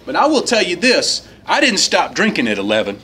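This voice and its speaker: A man sharing his personal recovery story at a meeting, animated and storytelling, jumping up in pitch when he quotes people. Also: fairly quick, slight background noise. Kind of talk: personal testimony talk. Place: meeting hall.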